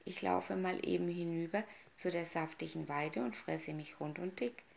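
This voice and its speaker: A woman voicing the smallest young goat, timid and pleading in a weak, high little voice, in a storybook reading on a dull lo-fi recording. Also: normal speed, gravelly.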